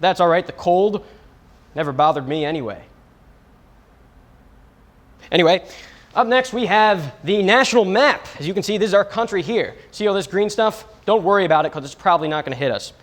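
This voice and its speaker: A man's voice: sits high, expressive, quick pace, few pauses, a bit bright. A young man presenting the weather as a stand-in, in a goofy, self-mocking, mock-serious manner. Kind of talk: comic weather segment.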